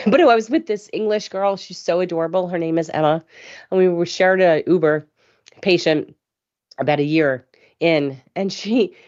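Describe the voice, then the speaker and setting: Woman host, low-pitched, hoarse from a cough, chatty and rambling, dull lo-fi stream audio. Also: normal speed, a little mellow. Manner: chatty, rambling, laughs easily. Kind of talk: casual live show chat.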